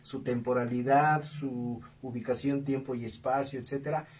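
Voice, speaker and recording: A man, a radio show host who drops short dry jokes and explains calmly. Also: medium pitch, normal speed, a little hiss or hum. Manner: brief interjections and dry jokes, then calm explaining. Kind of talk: casual radio talk. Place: radio studio. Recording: distant mic.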